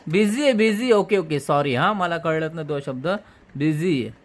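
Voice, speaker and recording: A man in his thirties, a father and vlog host, gently and playfully questioning his small daughter in a casual home video. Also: a little high, moderate pace, slight background noise.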